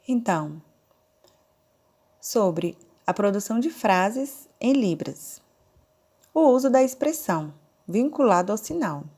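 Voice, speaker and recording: A woman with a Brazilian Portuguese accent teaching a recorded online lesson, explaining slowly and step by step. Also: mid-range voice, sing-song, mellow. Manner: slow, deliberate, explaining step by step. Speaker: sign language teacher.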